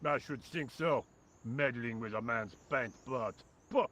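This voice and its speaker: A man plays a work-shy French painter in a point-and-click game. He speaks with a French accent in a dry, indifferent drawl at a middling pitch, with a faint hum of crickets behind. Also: measured pace, a bit bright, lightly acted. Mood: grumpy. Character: lazy sarcastic French workman painter. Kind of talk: video game voice acting.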